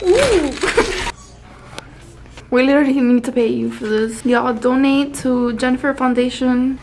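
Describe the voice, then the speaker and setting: A woman's voice: high-pitched, unhurried, a little mellow, a little hiss or hum, low-quality recording. A young woman vlogging in a casual, giggly, slangy way, filming herself with a handheld camera in a car and at a mall. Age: young adult. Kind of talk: casual vlog chat. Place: car, mall and arcade at night.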